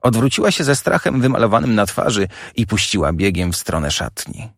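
A man's voice: fairly low pitch, sing-song, fairly quick, vocal fry, fairly bright tone, no echo, studio quality. A man giving an intense, dramatic first-person audiobook narration.

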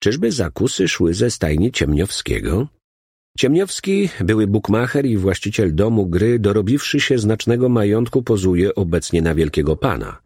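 Male audiobook narrator, low and husky, very lively intonation. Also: normal speed, no echo, clean studio sound.

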